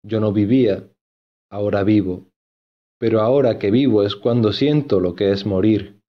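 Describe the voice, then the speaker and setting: A man playing an earnest, lovesick young gentleman in a storybook, insistent and given to repeating himself. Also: on the low side, normal speed, muffled recording, close to an everyday voice.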